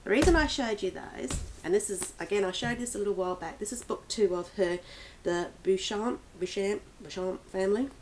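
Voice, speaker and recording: A woman's voice: mid-range voice, fairly quick, slight background noise. A woman reviewing books in a casual, rambling vlog, with many restarts and small laughs. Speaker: book vlogger. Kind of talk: casual book review chat.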